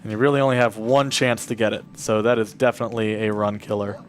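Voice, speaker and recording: A man's voice: on the low side, little pitch movement, fast, background noise. A man giving casual live commentary as he speedruns a game, explaining his route and coaxing the characters along. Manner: talks to the game characters while playing. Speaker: speedrunner playing live at a charity marathon.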